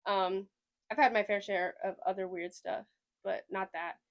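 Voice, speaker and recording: A young Swedish woman with a slight Southern US twang hosts a podcast, chatting casually and ramblingly while hedging a lot. Her mid-range voice has fairly even intonation and a slightly slow pace.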